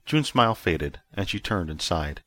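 A man reads his own science fiction story aloud in a steady, plain delivery. His voice sits low and has a husky grain. The recording is dry and close. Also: moderate pace, dry recording. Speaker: author and narrator. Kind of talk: audiobook fiction narration.

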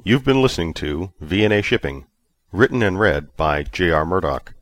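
A man, the podcast's author, reading the outro in a plain, measured way. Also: low-pitched, expressive, a bit bright, faint music behind.

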